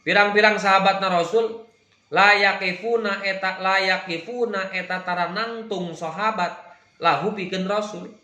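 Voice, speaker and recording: A man with a Sundanese accent gives a religious study lecture with a bright, slightly high voice. He reads Arabic phrases and glosses each one in turn. The sound carries a clear room echo. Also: fairly even intonation, normal speed. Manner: translates Arabic text phrase by phrase, mixing Indonesian and Sundanese. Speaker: religious teacher.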